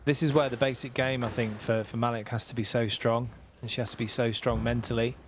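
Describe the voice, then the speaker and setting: A man's voice: medium pitch, flat delivery, a little fast, slight background noise. A man giving live squash commentary in a chatty, conversational way, laughing easily with his co-host.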